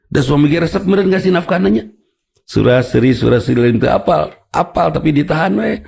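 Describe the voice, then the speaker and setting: A man's voice: fairly high pitch, lively intonation, moderate pace, creaky, darkish tone. A man with a Sundanese accent preaching a sermon, telling humorous stories. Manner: humorous, storytelling, mixing in local words. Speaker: Islamic preacher.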